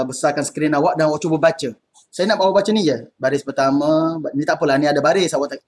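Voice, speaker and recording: Husky Malaysian man teaching casually online. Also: fairly high pitch. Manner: casual, chatty, laughs often. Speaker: Arabic teacher. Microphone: computer mic on video call.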